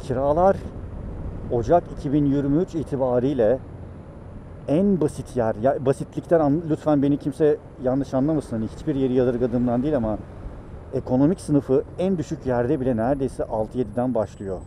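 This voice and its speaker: A man's voice: mid-range voice, normal speed, low-quality recording. A man talking casually and ramblingly to viewers from inside a helmet as he rides a motorcycle through city traffic, in a motovlog style. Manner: rambling, conversational, addresses viewers directly. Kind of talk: casual vlog chat while riding a motorcycle. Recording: loud traffic and engine noise.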